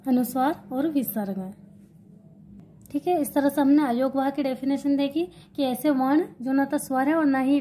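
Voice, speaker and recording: A woman's voice: sits high, warm tone, a little hiss or hum. A woman teaching an exam-prep grammar lesson, explaining while writing and repeating key points, asking questions and answering them herself.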